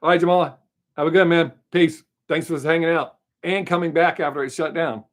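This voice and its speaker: A man's voice: a little high, fairly even intonation, fairly quick. Chatty, profane Southern-drawling man. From American South. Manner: rambling, chatty, frank and profane. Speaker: livestream host answering chat. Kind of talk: casual live stream chat.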